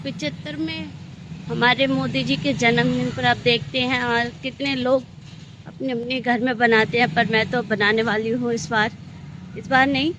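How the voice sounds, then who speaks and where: A woman's voice: a little high, steady tone, normal speed, lo-fi sound, noisy background. A young woman vlogger and mother from North India, chatting casually to her viewers as she narrates her day at home. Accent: North Indian Hindi. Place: home rooms, then street and a shop.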